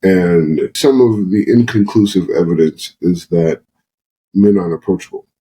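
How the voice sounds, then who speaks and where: A man's voice: low voice, normal speed, mellow, husky, low-quality recording. A man talking earnestly as a guest on a podcast conversation, sometimes acting out quoted voices. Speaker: guest psychologist.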